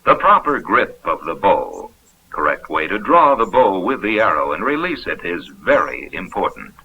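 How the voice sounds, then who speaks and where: Heard on a dull, noisy 16mm film track, this low-pitched American narrator swings his pitch widely at a moderate pace, his voice pushed and bright. He reads a script for a 1970s instructional film in an upbeat, folksy, explanatory way.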